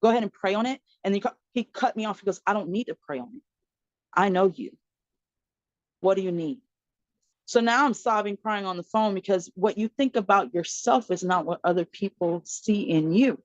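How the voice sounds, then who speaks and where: An animated woman, an adult mother of four, tells her own story as a podcast guest, slipping into the voices of people she quotes, laughing often, and using fillers. Her mid-range voice moves at normal speed. The sound is dull and lo-fi like remote call audio, dry and close with no echo.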